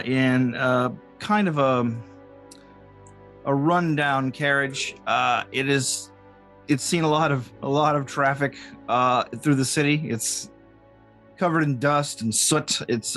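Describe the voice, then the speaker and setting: A man improvising narration as game master, halting and jokey as he describes the scene. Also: mid-range voice, fairly bright tone. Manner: halting, jokey, often chuckling.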